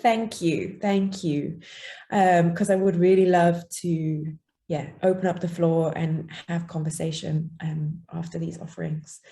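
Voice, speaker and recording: A woman hosting an online session over a video call, introducing readers in a hesitant way with many filler pauses. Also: lowish voice, steady tone, creaky, warm tone. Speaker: session host.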